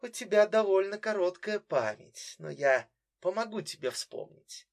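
A man's voice: sits high, animated, measured pace, creaky, voice pushed up, heavily acted. A man voicing a bitter, mocking young woman who coldly accuses her brother in an audiobook. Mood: accusing.

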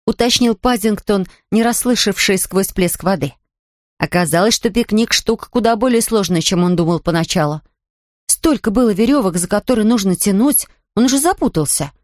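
A woman reads a children's story aloud in a mid-range voice, lively, and she switches into each character in turn. The recording is close and dry, with no room sound. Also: medium pitch, normal speed, no echo.

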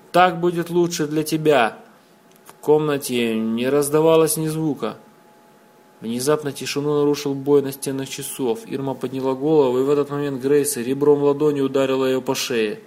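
A man reading a novel aloud as an audiobook narrator, steady and measured. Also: mid-range voice.

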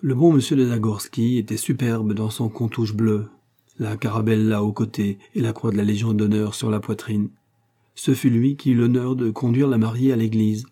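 A man reading a classic novella aloud in measured, even storytelling. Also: lowish voice. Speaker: audiobook narrator. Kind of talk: scripted narration of a novella.

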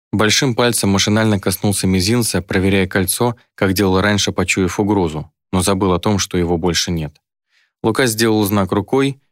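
A man reading a fantasy novel aloud in first person, with an even, measured delivery. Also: low-pitched, no echo, clean studio sound. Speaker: audiobook narrator. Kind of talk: scripted first-person narration.

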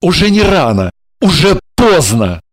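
A woman's voice: fairly low pitch, very animated, a little slow, dry recording. A woman voicing a scheming man who coaxes and placates his impatient lover in an audiobook. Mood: placating. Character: scheming male lover, smooth and evasive. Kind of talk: audiobook character voice.

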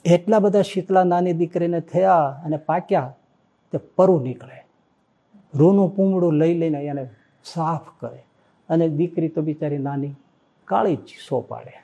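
A man, a monk, giving an expressive devotional sermon and telling a story with emotional, dramatic shifts in loudness. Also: on the high side, a little slow, dull audio. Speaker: monk giving a religious discourse.

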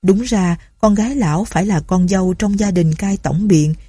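Woman, storybook narration, mellow, husky, dry. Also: medium pitch, normal speed, no room sound.

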